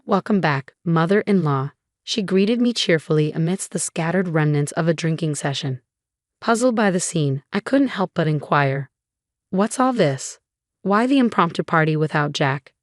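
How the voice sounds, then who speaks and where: Low-voiced woman narrating a story. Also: dry recording, studio quality. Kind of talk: scripted first-person story narration.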